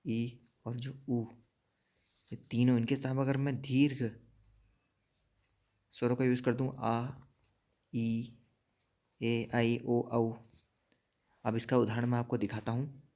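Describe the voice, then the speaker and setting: Mellow-voiced man teaching a spelling lesson. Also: medium pitch, level tone. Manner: explains slowly, repeats words and asks checking questions. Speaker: Hindi teacher. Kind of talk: exam-prep spelling lesson.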